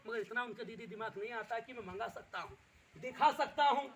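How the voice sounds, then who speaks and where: A man working as a street magician, calling out loud hawker-style patter to the people at an outdoor village show. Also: extremely high pitch, brisk.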